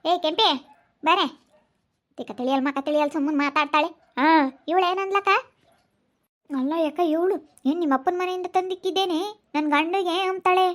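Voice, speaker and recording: A woman playing a quarrelsome village wife in a comedy-drama, scolding quickly and combatively. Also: very high-pitched. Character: sharp-tongued village wife, quarrelsome and loud.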